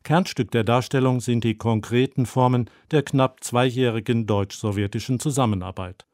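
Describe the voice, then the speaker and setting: A man reading a scripted radio book review in a sober, measured way. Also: medium pitch, a little mellow, dry recording, studio quality. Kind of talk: scripted narration.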